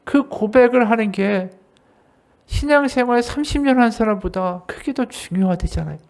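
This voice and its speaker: A pastor preaching at a church service in a voice of middle height. The delivery is animated and swings between rising and falling, with many rhetorical questions put to the congregation. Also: medium pitch, moderate pace, gravelly. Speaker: associate pastor. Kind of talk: sermon.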